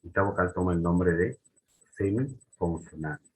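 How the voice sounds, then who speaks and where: Lowish-voiced guy giving a grammar lesson, halting, keeps asking "right?". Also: animated, rough recording. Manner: halting, restarts often, checks with "¿no?" and "¿ya?". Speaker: teacher.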